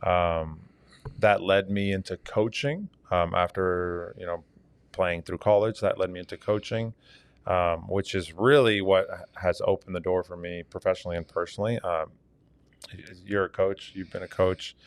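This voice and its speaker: A man's voice: deep voice, steady tone, moderate pace, clear, resonant tone, dry recording. A man from Argentina, a fitness coach, talking earnestly as a podcast guest with many fillers. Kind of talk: casual interview talk.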